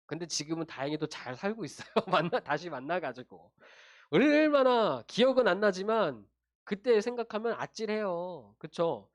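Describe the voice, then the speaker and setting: Animated male pastor preaching to children. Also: sits high. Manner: animated storytelling, addressing kids directly with tag questions. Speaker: junior pastor. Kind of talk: children's sermon.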